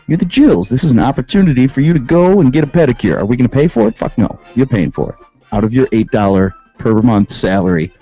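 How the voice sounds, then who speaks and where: Male radio host, sarcastic comic riffing, animated pitch, lo-fi audio with light music. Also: fast, slightly rough. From Western New York. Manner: sarcastic, reads rules aloud and riffs on them. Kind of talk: comedic commentary. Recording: dull lo-fi sound with faint music.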